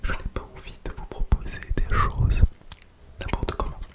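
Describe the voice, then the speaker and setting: A man whispers a casual ASMR chat very close to the mic, hushed as if quiet at night, with soft breath and lingering repeated words. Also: moderate pace. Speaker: ASMR content creator. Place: small home toilet room, indoors. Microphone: close sensitive microphone without windscreen.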